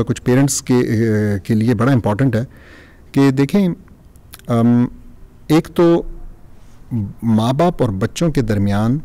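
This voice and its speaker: A man's voice: mid-range voice, mellow. A man from Pakistan, a guest on a podcast, speaking in a reflective, earnest way and mixing English phrases into his speech.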